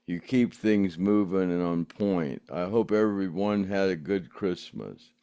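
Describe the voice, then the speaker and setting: This older man's low, warm, clear, resonant voice moves a little slowly as he chats casually on his podcast, reading comments from viewers. He rambles, laughs a lot, and keeps restarting with many fillers. The sound is dry and clean, studio quality.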